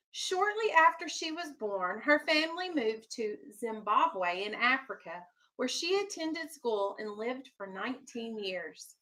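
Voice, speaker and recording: The speaker is a woman elementary school teacher whose slightly high voice has a bright, forceful tone, heard through poor audio. She reads aloud to young children, explains in simple terms, quizzes them to check they follow and keeps them firmly focused.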